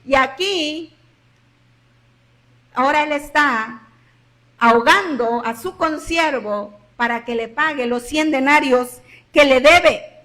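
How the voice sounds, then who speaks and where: A woman pastor with a Mexican Spanish accent preaching a sermon, swinging between loud emphasis and hushed drops and repeating phrases for emphasis. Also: high voice, slow pace, long pauses.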